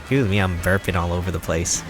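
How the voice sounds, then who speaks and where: Giggly deep-voiced young male streamer. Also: quick pace, music in the background. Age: young adult. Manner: giggly, rambling, playfully mock-serious. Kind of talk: casual live-stream chat while gaming.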